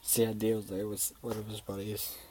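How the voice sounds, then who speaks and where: A man's voice: fairly low pitch, monotone, moderate pace, dark tone, slight background noise, poor audio. A young man rambling through a personal story in a casual vlog, swearing often and using lots of fillers. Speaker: vlogger.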